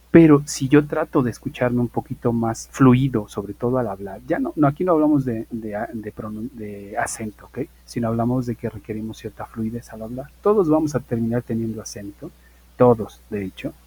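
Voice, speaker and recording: Husky-voiced man teaching an English class. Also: medium pitch, dark tone, rough recording. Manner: explains slowly, repeats example phrases. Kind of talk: online class lecture. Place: university online class.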